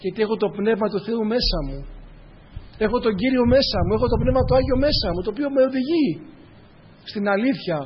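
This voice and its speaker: A man's voice: extremely high pitch, slight background noise. A man preaching a sermon earnestly, addressing the congregation as brothers in a church hall. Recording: dull, with long hall reverb.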